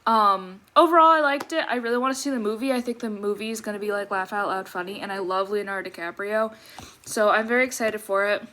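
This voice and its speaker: A woman's voice: mid-range voice, fast talker, pushed and bright. A young adult woman chatting casually as a book vlogger, interrupting herself with apologetic asides, her speech slightly off after wisdom teeth removal. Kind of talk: casual chat to viewers. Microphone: tablet microphone.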